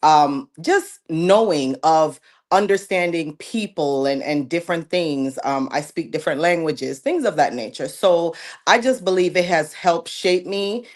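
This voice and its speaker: Jamaican-raised woman guest, light Jamaican and New York accent, deep low voice, poised and articulate. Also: measured pace. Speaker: guest, model. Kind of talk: interview conversation.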